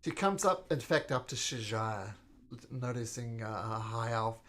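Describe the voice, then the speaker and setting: A woman's voice: rumbling low, lively intonation, unhurried, fairly bright tone. A woman acting as game master, narrating a tabletop role-playing game and talking with the players.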